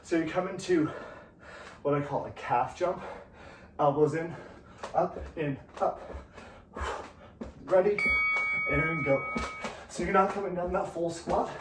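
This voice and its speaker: A man's voice: a little high, unhurried, pauses often. A man coaching a workout, counting down reps with encouragement while breathing heavily. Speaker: fitness instructor. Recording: echoey room, distant from the mic, noisy.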